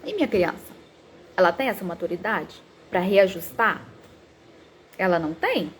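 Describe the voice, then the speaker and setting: A woman psychologist in her thirties giving a talk on parenting, animated and acting out quoted parents and children. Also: on the low side, normal speed, slight background noise.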